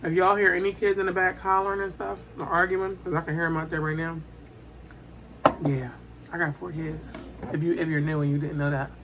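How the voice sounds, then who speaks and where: A woman chatting casually and emphatically to her viewers while eating, repeating phrases and pausing with little mm sounds. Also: lowish voice, little pitch movement, a bit bright, slight background noise. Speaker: mukbang vlogger.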